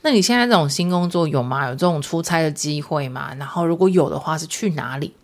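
A woman's voice: deep voice, lively intonation, fast. A woman podcast host with a Taiwanese Mandarin accent, telling everyday stories in a chatty, casual monologue mixed with Hokkien phrases.

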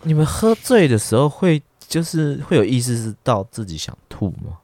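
A man's voice: medium pitch, big pitch swings, moderate pace, a little mellow. A man, a producer joining the podcast chat and asking plain questions. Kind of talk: casual chat.

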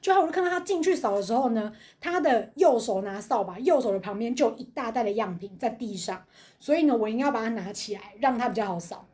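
A young woman tells a story on a chatty podcast. Her voice is bright and high, and she rattles along quickly and animatedly, often breaking into giggles. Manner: animated, giggly, tells stories with lots of fillers. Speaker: podcast co-host. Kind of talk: casual chat, storytelling.

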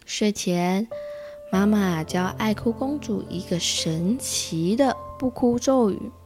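A woman with a Taiwanese Mandarin accent reading a children's picture book aloud, slowly and gently. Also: mid-range voice, over music. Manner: slow, gentle and expressive. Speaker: storyteller.

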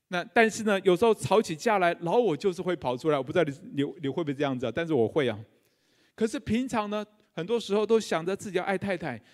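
Male pastor, middle-aged, Taiwanese Mandarin accent, high voice, jokey conversational sermon style that keeps quizzing the pews. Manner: humorous, conversational, quizzes the congregation. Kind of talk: live sermon. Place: church sanctuary.

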